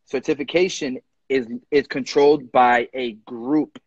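A man's voice: mid-range voice, fairly even intonation, slightly rough, no room sound. A young man who is a barber educator, talking passionately and emphatically on a live stream from a room at home, recorded on a phone camera at arm's length with dull lo-fi audio. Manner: passionate, emphatic, quick restarts. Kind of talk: casual live chat. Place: indoor room with ceiling fan. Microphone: phone front camera at arm's length.

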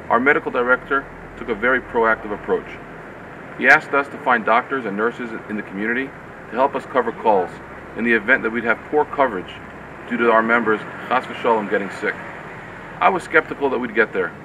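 A man's voice: mid-range voice, recorded from a distance. A middle-aged man making a sincere prepared appeal to camera outdoors. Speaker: organization coordinator making an appeal. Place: outdoors on a street. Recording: off-mic outdoors, clear traffic noise.

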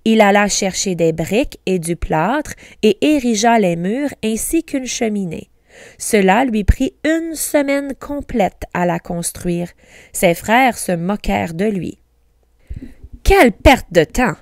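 A woman teacher reading a storybook aloud slowly, carefully pronouncing each word for learners. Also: medium pitch, animated, a little mellow, no echo, studio quality.

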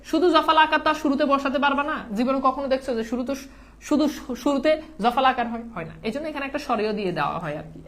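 Quick high-voiced woman teaching. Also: a bit bright. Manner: asks rhetorical questions and answers them herself. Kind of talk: online exam-prep lesson.

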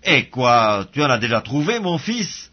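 A man reading the part of an old blind father who blesses his son, in a solemn, measured way. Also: medium pitch, big pitch swings, breathy edge. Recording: dull lo-fi audio.

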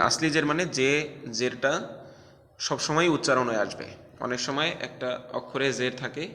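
A man teaching a Quran recitation class, spelling out letters and drawing out recited words slowly between explanations of the rules. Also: medium pitch, pushed and bright, in a large hall. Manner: slow, drawn-out recitation of syllables, then explaining rules.

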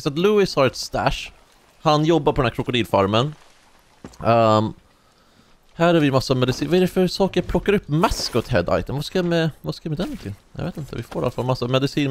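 A young man giving casual let's-play commentary, chatty and slangy, telling stories excitably while he plays. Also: mid-range voice, slight background noise. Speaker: gaming YouTuber.

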